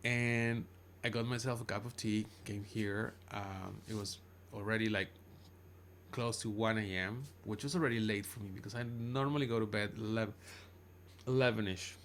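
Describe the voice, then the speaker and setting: A man's voice: fairly low pitch, steady tone, normal speed, fairly bright tone, slight background noise. Rambling man with a Chilean accent. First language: Spanish. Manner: rambling, often backtracking and correcting himself. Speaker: live streamer. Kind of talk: casual unscripted livestream monologue in English.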